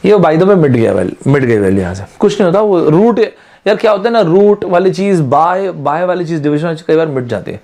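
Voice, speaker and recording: A man's voice: a little high, expressive, fast talker, mellow. A man teaching aptitude in an online exam-prep lecture, chatty and friendly, often calling his students friends and mixing in English terms.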